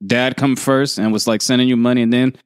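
A man's voice: medium pitch, fairly even intonation, brisk, smooth, no room sound, studio quality. A man hosting a casual interview, blunt and curious, swearing freely as he asks questions. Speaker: podcast host.

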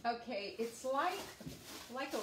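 A woman talks straight to her viewers in a chatty way, her voice a touch high. The kitchen sounds echoey, with room noise clearly present behind her. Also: expressive, slow pace. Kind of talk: casual chat on a livestream. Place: home kitchen, indoors.

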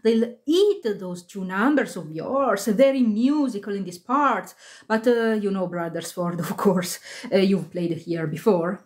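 A woman's voice: medium pitch, measured pace, close to an everyday voice. A woman voicing an anxious male stage manager. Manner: hasty, anxious.

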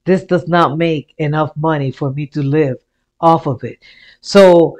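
A man's voice: fairly high pitch, fairly even intonation, slow pace, a little mellow. A man hosting a music reaction channel who talks in a casual, rambling way and often repeats and restates his points. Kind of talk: casual vlog commentary.

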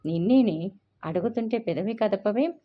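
A woman's voice: mid-range voice, animated, normal speed, phone-quality sound, natural voice. A woman voicing a fussy, anxious mother who frets over one daughter and scolds the other. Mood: fretful. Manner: fretful, scolding.

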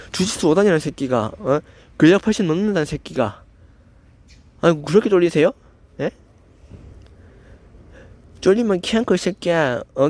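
With a high-leaning, darkish voice, a young adult man who runs the channel rants in anger at a commenter. He stammers and slurs a little, swearing and confronting while "eo" fills nearly every pause.

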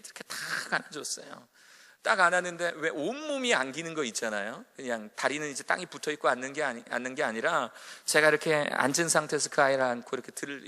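A man in his thirties preaching a sermon as a pastor, telling a story and swinging between loud emphasis and hushed, near-whispered prayer. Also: mid-range voice. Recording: echoey hall reverb.

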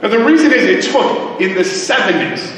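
A man giving a conference talk to a live audience, joking and tossing quick asides to the crowd. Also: high voice, lively intonation, fairly bright tone, slight background noise. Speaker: conference speaker. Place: large conference hall. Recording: echoey hall from far off.

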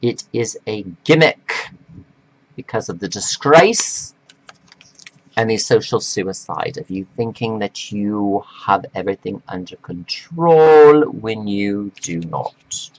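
A man delivering a slow, preachy, scolding monologue to men, reading from notes with sudden jumps in pitch. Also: lively intonation, rough recording. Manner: reads from notes. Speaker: self-styled life coach addressing men. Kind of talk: lecturing monologue to camera.

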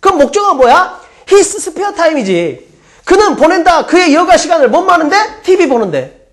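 A woman lectures on grammar with a high voice that swings up and down a lot. She explains each example step by step, keeps asking rhetorical questions, and drops in chatty side remarks. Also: sing-song, normal speed. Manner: casual, chatty asides. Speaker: English teacher.

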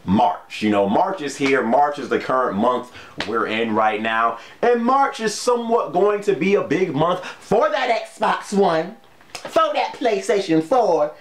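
A man's voice: a little high, expressive, a little slow, a bit bright, reverberant, slight background noise. A man vlogging casually about video games, chatting loosely with lots of fillers and frequent laughs. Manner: laid-back, laughs often, many fillers like "you know". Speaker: gaming vlogger. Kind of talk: casual talk to camera.

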